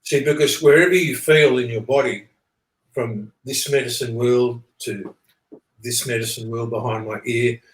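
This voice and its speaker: In a roomy, echoing recording, a male interviewee with a medium-pitched, steady voice speaks at normal speed. He works through his ideas earnestly and loosely, going over points again and making sure the listener keeps up.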